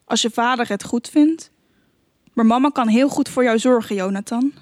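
A woman voicing a soft-spoken old grandma. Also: on the high side, normal speed, no echo, clean studio sound, lightly acted. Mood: soothing. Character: gentle elderly grandmother on the phone.

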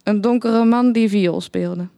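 A woman narrating a satirical short story in the first person, with a dry, deadpan manner. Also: mid-range voice, unhurried, vocal fry, dry recording.

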